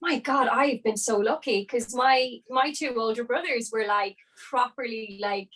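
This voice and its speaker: Chatty Irish Midlands woman, higher-pitched voice. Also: measured pace, fairly bright tone. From Longford, Irish Midlands. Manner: chatty, uses "like" and "you know". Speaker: podcast guest, opera soprano. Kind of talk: casual conversational interview.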